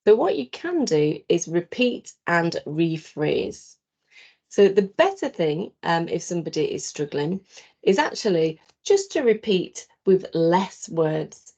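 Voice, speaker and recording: Woman presenter, patient, explanatory, slightly low and gravelly, video call talk. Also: very animated, takes it slowly, warm tone, muffled recording. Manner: patient, explanatory, poses questions to listeners. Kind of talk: awareness talk to students.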